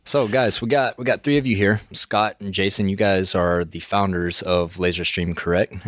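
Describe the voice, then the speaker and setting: Deep-voiced man co-hosting a podcast. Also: fairly even intonation, normal speed, a bit bright, no room sound, studio quality. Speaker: podcast co-host. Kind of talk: casual podcast chat.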